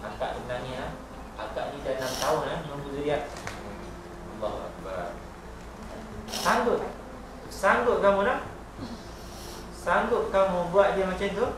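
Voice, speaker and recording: A man's voice: sits high, moderate pace, long pauses, background noise. A man, a spiritual healer running a healing session with probing, firm questions.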